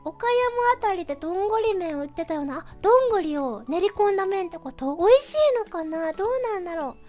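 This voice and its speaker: A young woman chatting casually as a livestream host and reading out comments, with a cutesy, animated, giggly manner. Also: very high-pitched, quick pace, faint music behind. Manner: cutesy, refers to self in third person.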